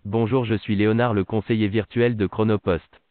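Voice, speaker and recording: A synthetic male text-to-speech voice acts as an automated customer service agent, reciting polite, formulaic prompts over a tinny, dry phone line. It's lowish and level in tone at a moderate pace, with music playing underneath.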